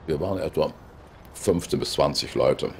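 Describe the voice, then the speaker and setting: A man's voice: rumbling low, slight background noise. A man in his eighties from the Rhineland, with a Rhineland accent, telling his memories plainly in an interview at home. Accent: Rhineland German. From Rhineland, Germany. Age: 80s. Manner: plain, unhurried storytelling with small tags. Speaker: eyewitness interviewee. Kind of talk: recollecting in an interview. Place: living room at home, indoors.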